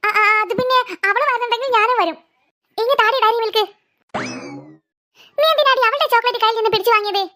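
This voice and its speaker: A woman's voice: quick pace, long pauses, sharp tone. A woman voicing a cheeky, smug young girl who teases her sister in a cartoon. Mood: teasing. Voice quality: very high childlike voice. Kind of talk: cartoon voice acting.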